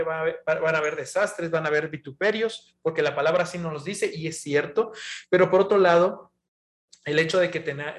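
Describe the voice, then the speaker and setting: A man's voice: fairly high pitch, a bit bright, reverberant. A man preaching a sermon in an earnest, conversational way, with frequent fillers and repeated words.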